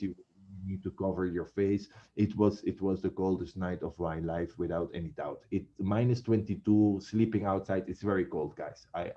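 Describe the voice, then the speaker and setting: Chatty teacher guy, lowish voice, muffled lo-fi sound. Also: mellow. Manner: chatty, addresses students as guys. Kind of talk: classroom lecture.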